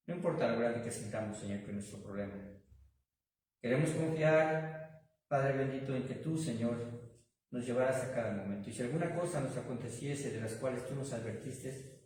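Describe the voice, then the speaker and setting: Brief: Mexican man, pastor, mid-pitched, preaching and praying, recorded far off the mic in a big echoing hall. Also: normal speed, a little mellow. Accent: Mexican Spanish. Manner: addresses the congregation as brothers, with frequent rhetorical questions. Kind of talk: sermon and prayer.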